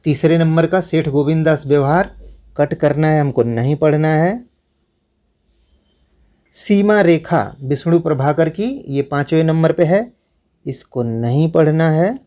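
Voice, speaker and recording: A male teacher with a slightly high voice walks students through a school syllabus. He talks to them directly and repeats each instruction patiently, step by step. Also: animated, unhurried, mellow. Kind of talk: syllabus walkthrough lesson.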